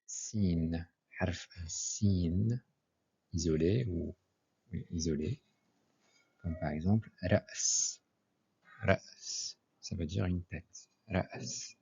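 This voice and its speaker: Man, slow methodical lesson, repeats each word, dull lo-fi recording. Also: sits low, creaky, dark tone, husky. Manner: spells out letters and repeats each word twice. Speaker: Arabic teacher.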